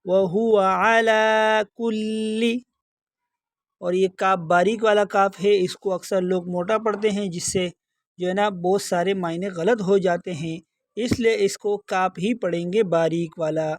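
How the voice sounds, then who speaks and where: A man with a high voice teaches recitation, explaining pronunciation patiently and repeating words slowly. The sound is dry and close, with no room echo. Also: fairly even intonation. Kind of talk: tajweed lesson, explaining then chanting verses slowly.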